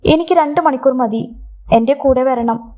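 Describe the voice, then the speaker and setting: A woman voicing a nervous young schoolboy in a storybook reading, speaking in a hushed, low voice. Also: unhurried.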